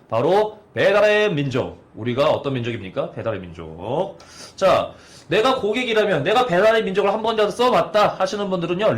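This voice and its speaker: A man in his thirties giving a training lecture to installers, often opening with a filler and asking the audience questions. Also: fairly high pitch. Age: 30s. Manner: poses rhetorical questions to listeners; opens sentences with "ja". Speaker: trainer for air conditioner installers.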